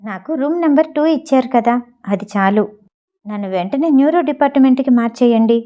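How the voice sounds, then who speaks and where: A woman's voice: sits high, lively intonation, brisk, muffled recording. A woman voicing a stubborn young nurse who speaks curtly and with irritation. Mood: irritated. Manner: curt, irritated.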